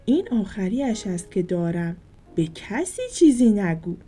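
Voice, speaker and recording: Woman doing a cheeky shopkeeper from a kids' book, lively, kinda conspiratorial. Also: mid-range voice, faint music behind, lightly acted. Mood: friendly. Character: friendly playful shopkeeper sharing secrets.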